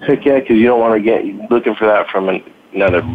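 A middle-aged father talks earnestly about raising his kids, leaning on "you know" as he tells his stories. His voice sits very low. It comes through a narrow, phone-like line with a faint hiss underneath. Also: quick pace. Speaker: guest, father. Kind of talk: casual podcast conversation. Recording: tinny phone-line sound with faint noise.

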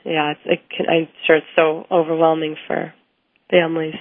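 A woman's voice: low voice, little pitch movement, moderate pace, no room sound. A woman speech therapist answering interview questions at length, explaining things with frequent ums and restarts. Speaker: speech language pathologist guest. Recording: tinny phone-like line, dry.

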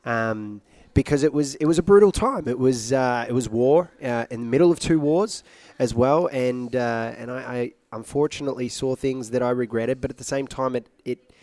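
A man's voice: medium pitch, moderate pace, few pauses, a little mellow, no room sound. Playful man. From Iraq. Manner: playful and joking. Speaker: guest, singer. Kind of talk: interview conversation.

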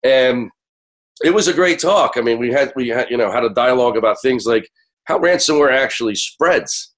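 An American man hosts a radio show in a conversational monologue. He is sick, and his voice is hoarse and keeps cracking. He carries on talking to his listeners as if nearly out of voice. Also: medium pitch, normal speed.

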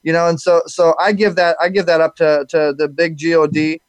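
A man's voice: a little high, flat delivery, fairly quick, dry recording. A man hosting a live show, talking loosely with many fillers and repeated words. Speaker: show host.

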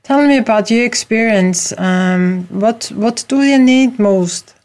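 This radio talk show host, a middle-aged woman from Austria, has a slightly high, slightly mellow voice and an Austrian German accent. She talks slowly and hesitantly, leaning on lots of fillers.

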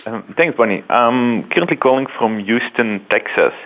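A man's voice: medium pitch, expressive, normal speed. Belgian-accented man on a phone line. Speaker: caller. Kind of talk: casual chat.

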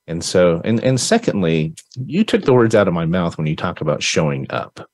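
A man's voice: low voice, big pitch swings, normal speed, darkish tone. A man hosting a casual interview podcast, praising his guest in an effusive, rambling way with many restarts. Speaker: podcast host.

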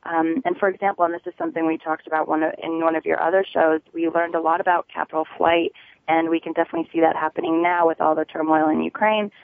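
A woman in her thirties from Connecticut, speaking haltingly and conversationally as a guest in a radio interview. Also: sits low, little pitch movement. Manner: hesitant, halting delivery. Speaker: real estate agent, interview guest. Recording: tinny telephone line.

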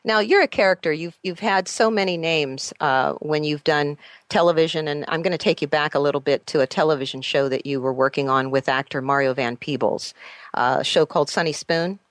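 A woman's voice: deep voice, a little fast, no room sound. A woman hosting an interview, asking curious, chatty questions. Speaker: interview host. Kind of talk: radio interview.

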